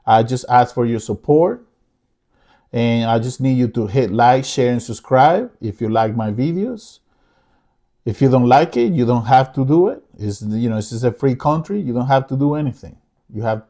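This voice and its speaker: Male vlogger, mellow dark tone, mid pitch, earnest, repeats himself. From Dominican Republic. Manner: earnest, repeats phrases for emphasis. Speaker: YouTube channel host. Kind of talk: casual talk to camera.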